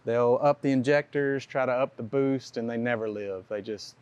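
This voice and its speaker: A man's voice: medium pitch, moderate pace, darkish tone, smooth. A man mechanic giving a plain, practical explanation of engine repairs at a tech session. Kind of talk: casual technical explanation.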